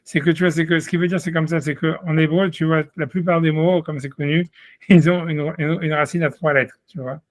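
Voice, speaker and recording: A man's voice: a little high, fairly even intonation, a little fast, no echo. French-speaking man teaching, dry close sound. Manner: explains patiently, repeats "tu vois" often, hesitant restarts. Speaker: Talmud teacher. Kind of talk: one-on-one study session.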